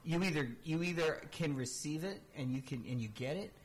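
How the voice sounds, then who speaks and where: A man's voice: a little high, a little fast. Rambling man in casual chat. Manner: rambling, filler-heavy, says "dude" and "you know" a lot.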